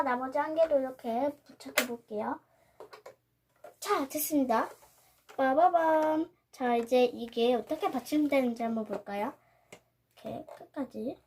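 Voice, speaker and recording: A young girl hosts her own channel, walking through a toy build step by step and calling out cheerful ta-das. Her voice is high with a breathy edge.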